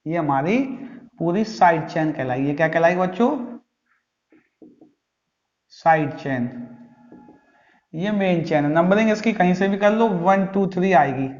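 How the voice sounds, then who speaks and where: A man's voice: fairly high pitch, measured pace, pauses often, a little mellow. A male chemistry teacher giving a classroom lecture, asking his students questions and answering them himself in a patient, drilling way. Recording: echoey, dull lo-fi recording.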